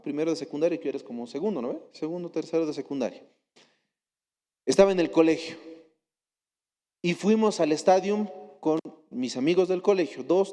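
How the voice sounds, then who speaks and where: A young adult man with a Bolivian Spanish accent, preaching a sermon and telling stories with rhetorical questions. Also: on the high side. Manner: storytelling with rhetorical questions, animated quotes. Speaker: lay preacher. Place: church hall. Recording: long church reverb.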